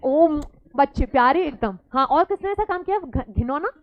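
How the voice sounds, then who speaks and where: A woman teaching a classroom lecture in a high voice, teasing and scolding her students in good humour. She slips between Hindi and English as she talks. The sound is dry and a little dull. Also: animated, moderate pace, dry recording.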